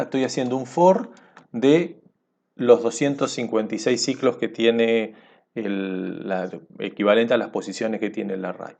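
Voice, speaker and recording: A man's voice: medium pitch, a little mellow, lo-fi sound. A man teaching a programming lesson over a screencast, explaining step by step and checking in with his listeners.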